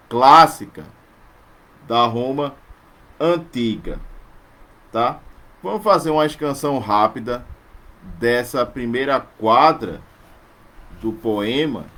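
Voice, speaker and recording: A man gives a live online literature lesson at an unhurried, deliberate pace. He draws out lines of verse syllable by syllable to show where the stress falls, his voice sitting at an ordinary middle pitch. He keeps checking in with his students through short tag questions. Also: a bit bright. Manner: explanatory, scanning verses slowly syllable by syllable. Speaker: literature teacher.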